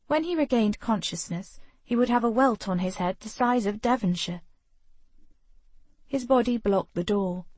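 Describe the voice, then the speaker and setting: Woman audiobook narrator, unhurried, steady, dry studio sound. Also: medium pitch, no room sound. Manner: measured, steady storytelling. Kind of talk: scripted narration of a historical romance.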